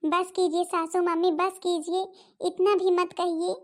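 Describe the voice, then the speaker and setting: A woman's voice: extremely high pitch, little pitch movement, measured pace. A woman voicing a hardworking, put-upon elder daughter-in-law in a cartoon, pleading and defensive. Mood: hurt.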